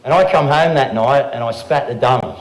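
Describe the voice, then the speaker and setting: Speaking briskly at medium pitch, an Australian amateur songwriter who often guests on a live stream rambles casually into a handheld microphone, tossing in "okay?" and "right?" as he goes. The sound is of a roomy live venue room with a guitar.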